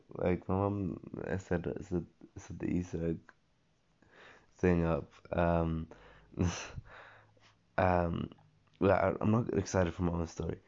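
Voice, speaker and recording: A young man drifts through a slangy, meandering monologue packed with fillers and false starts, speaking slowly with long pauses. His hoarse, worn voice is deep and flat with a dark, gravelly edge, and the audio sounds dull and lo-fi.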